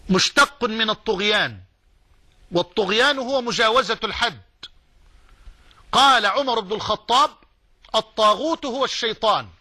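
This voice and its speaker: Egyptian preacher guy, bright sharp voice, drawls quotes slow and says stuff twice. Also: very high voice. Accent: Egyptian Arabic. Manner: emphatic, repeats phrases, slow drawn-out recitation of quotations. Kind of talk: televised religious sermon.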